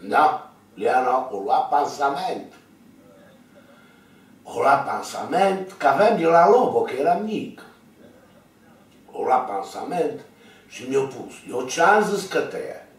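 A man's voice: medium pitch, big pitch swings, long pauses. A man telling a personal story in a blunt, rambling casual monologue, calling out to his listeners. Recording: echoey room, voice from a distance.

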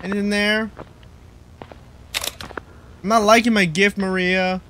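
A man's voice: high voice, flat delivery, measured pace, pushed and bright, a little hiss or hum, rough recording. Goofy young man playing a horror game. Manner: goofy, jokey running commentary. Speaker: gaming channel host. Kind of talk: horror game let's play commentary.

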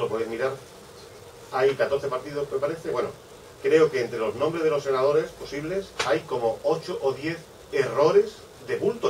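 A man, a book publisher speaking on a bookshop panel, rambling with many asides and repeated "es decir". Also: mid-range voice. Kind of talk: panel discussion. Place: bookshop event space. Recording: distant mic, faint room noise.

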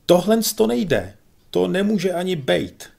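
A man voicing a fat, pompous, tearful town guard commander whose voice trembles, talking higher and louder than his own narration and dropping German words into his speech. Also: sing-song, gravelly, full character voice. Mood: indignant. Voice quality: voice trembles and twangs.

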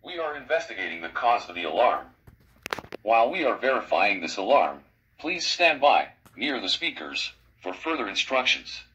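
Man, loudspeaker announcement, calm formal emergency message, distant, heavy noise behind. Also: mid-range voice, moderate pace, roomy sound, highs cut off. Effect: played through fire alarm loudspeakers. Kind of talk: prerecorded emergency evacuation message.

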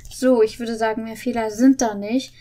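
A young woman hosts a video while opening an advent calendar, chatting playfully and thinking aloud as she solves puzzles. Her voice is on the high side and dark in tone, with fairly even intonation at normal speed. She sits close to a pop-filtered desk microphone in an indoor home studio with a green screen.

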